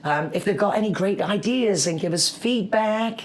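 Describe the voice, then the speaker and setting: A man's voice: sits high, normal speed. A man speaking as a cruise director in an interview, chatting in an upbeat, cheerful and friendly way.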